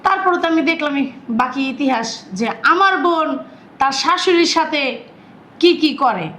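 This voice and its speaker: A woman's voice: high voice, lively intonation, normal speed, fairly bright tone. An actress playing a stern elder sister who lectures her younger sister. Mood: reproachful. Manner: reproachful, lecturing. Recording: echoey room.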